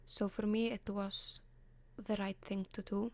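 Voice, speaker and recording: Speaking close and hushed in an Icelandic accent, a woman whispers advice as an ASMR advice column host. Her mid-range voice stays flat and level at a measured pace, broken often by soft, hesitant ums. The recording has no echo.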